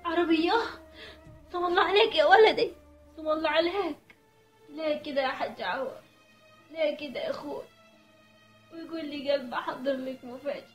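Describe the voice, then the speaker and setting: A woman's voice: high-pitched, fairly quick, pauses often, close to an everyday voice. A woman playing a worried mother with an Upper Egyptian accent, pleading and fretful about her son. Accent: Upper Egyptian Arabic. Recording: echoey room with music behind.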